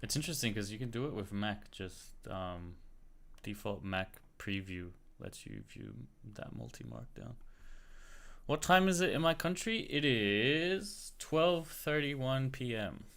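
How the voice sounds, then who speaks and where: Typing and mouse clicks accompany this Australian streamer, whose accent sounds American, as he greets his audience and mutters to himself while hunting for something on his computer. His mid-range voice is gravelly and fairly bright, animated yet measured in pace.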